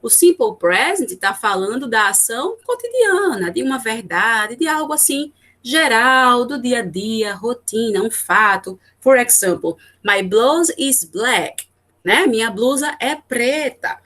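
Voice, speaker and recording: Higher-voiced teacher woman walking through grammar. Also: expressive, unhurried, a bit bright. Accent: Brazilian Portuguese. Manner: explains step by step, asks herself questions and answers them; checks in constantly with little tag questions. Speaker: English teacher. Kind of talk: recorded online class lecture.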